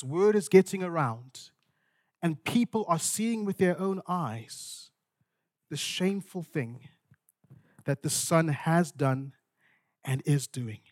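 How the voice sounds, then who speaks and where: This preacher from Zimbabwe gives an expository sermon full of storytelling. His phrasing is deliberate and dramatic, with repetition for emphasis, and his voice sits high.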